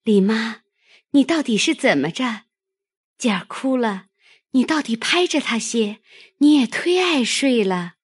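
A woman voicing a loyal young maidservant who speaks softly and soothingly in an audiobook. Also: fairly low pitch, animated, slightly rough, no room sound. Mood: scolding. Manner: soft, soothing, quick. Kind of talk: audiobook character reading.

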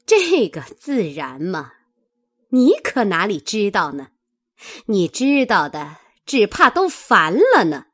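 Brief: woman doing a fierce noble lady, cutting and scornful, husky voice, pitch jumps high. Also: very animated, takes it slowly, heavily acted. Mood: scolding, mocking. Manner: scolding, mocking, cutting. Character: fierce sharp-tongued noble lady, domineering.

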